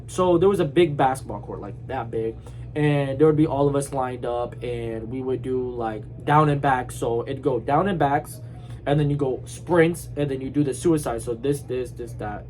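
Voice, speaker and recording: A young man from Iraq gives a casual spoken class presentation, talking informally and circling back with fillers and restarts. His voice sits at an ordinary middle pitch for a man. A faint hiss runs quietly under the recording. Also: rough recording. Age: young adult. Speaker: student presenting a project.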